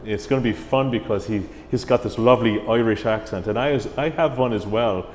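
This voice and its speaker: A middle-aged man, a music director in an interview, telling stories in a chatty, animated way. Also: medium pitch, brisk. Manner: chatty, animated, slips into mimicked voices. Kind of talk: casual interview storytelling. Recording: roomy hall echo with faint ambient hiss.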